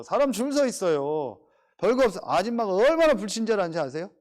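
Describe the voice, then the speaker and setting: A middle-aged man preaches with a notably high voice that swings widely up and down as he tells stories. He keeps pressing his listeners with rhetorical questions in an animated, conversational sermon. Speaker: pastor.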